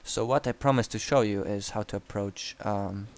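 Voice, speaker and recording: Reviewing a game replay with a player, a young Croatian-accented man coaches bluntly at normal speed in a voice on the low side. His commentary is peppered with casual swearing and frequent restarts.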